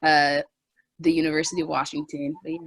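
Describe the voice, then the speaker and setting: A woman's voice: low-pitched, flat delivery, fast, slightly rough, no echo, low-quality recording. A woman in her twenties, a recent graduate, introducing herself hesitantly as a podcast guest. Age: 20s. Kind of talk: casual podcast chat.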